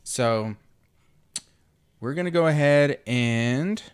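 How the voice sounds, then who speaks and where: A man hosting an online group, making a casual, unscripted giveaway and sale announcement with an informal, halting delivery. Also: mid-range voice, lively intonation, clean tone. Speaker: host of an online trading group.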